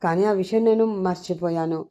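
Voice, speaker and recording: A woman's voice: normal speed, dark tone, close to an everyday voice. A woman voicing a flustered, exasperated young woman. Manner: exasperated inner monologue, higher voice. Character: flustered young woman scheming in her head. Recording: dull lo-fi recording.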